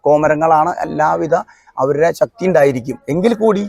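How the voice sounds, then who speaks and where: A man with a Kerala accent explaining and reciting traditional devotional verse in measured, halting phrases. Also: fairly high pitch, creaky, a little mellow, no echo.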